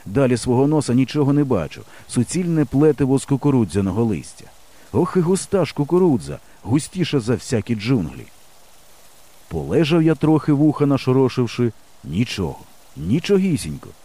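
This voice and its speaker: A man narrates a first-person children's adventure with a lively, playful delivery. His tone is mellow and warm, and his pitch moves in big animated sweeps through every sentence. It sounds like a practiced audiobook reading. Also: fairly quick.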